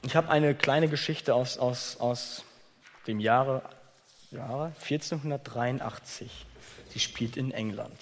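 A man preaching a sermon, chatty and lively, talking straight to the congregation and reading a story aloud. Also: mid-range voice, slow pace, long reverb tail, a little hiss or hum. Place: church.

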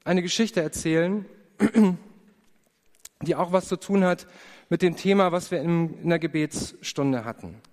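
A man giving an earnest personal testimony in a sermon, telling his story with prayerful pauses. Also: a little high, a little mellow. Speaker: preacher. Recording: long hall reverb.

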